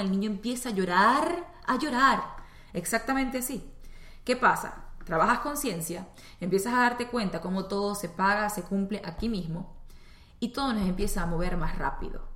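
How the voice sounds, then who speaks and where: A woman's voice: medium pitch, normal speed, fairly bright tone. A woman from Venezuela with a Venezuelan accent, giving a spiritual self-help talk and speaking straight to the listener in a conversational way. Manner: conversational, addresses listener directly. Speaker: spiritual teacher and astrologer. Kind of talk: spoken self-help monologue. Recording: echoey room.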